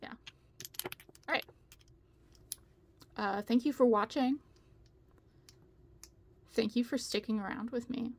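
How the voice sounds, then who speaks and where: A woman's voice: a little high, slow pace, pauses often. A woman hosting a casual video from home, rambling and chatty with frequent laughter. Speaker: video host.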